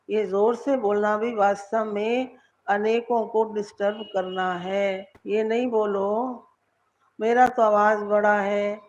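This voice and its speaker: Slow, measured woman spiritual teacher. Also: medium pitch, lo-fi sound. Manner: repeats words for emphasis, asks the listeners questions. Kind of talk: devotional lecture.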